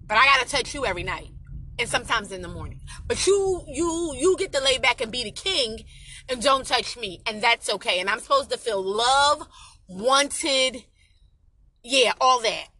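Young woman, high and bright voice, blunt and profane, casual confessional vlog rant with emphatic repeats. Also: normal speed, low-quality recording. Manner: blunt, heavy swearing, emphatic repetition; animated storytelling, advising young women. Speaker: vlogger venting about a relationship.

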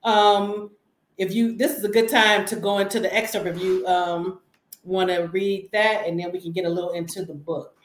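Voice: mid-range voice, steady tone, moderate pace. Rambling interview host in an echoey room. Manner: rambling, restarts a lot. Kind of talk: casual interview. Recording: roomy, echoey sound.

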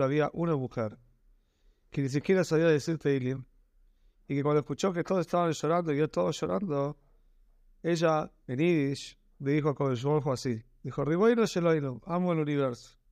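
A man with a Rioplatense Spanish accent tells a religious tale in a slightly raised voice. He sounds earnest and slows down to stretch the key words. The sound is dry and close. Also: on the high side, vocal fry, a little mellow, no echo. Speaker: storyteller. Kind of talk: telling a religious story.

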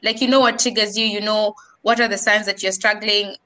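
This young woman from Kenya talks a little fast, her mid-range voice flat in delivery yet sharp in tone, captured on a low-quality recording. She chats animatedly in a casual podcast, mixing English with Swahili slang in her Kenyan accent.

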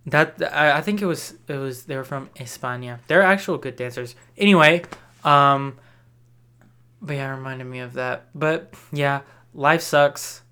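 Low, smooth-voiced laid-back woman. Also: a little slow, a bit bright. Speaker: podcast co-host. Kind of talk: casual chat.

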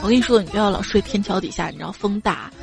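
A woman's voice: mid-range voice, racing, creaky. A woman with a Shaanxi accent hosting a casual talk show, reading listener messages in a joking, teasing manner. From Xi'an, China. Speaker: radio show host. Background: music bed.

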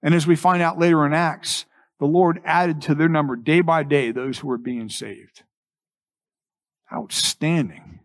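A man preaching a church sermon as a pastor, earnestly exhorting with repeated phrases and deliberate, emphatic pauses. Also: a little high.

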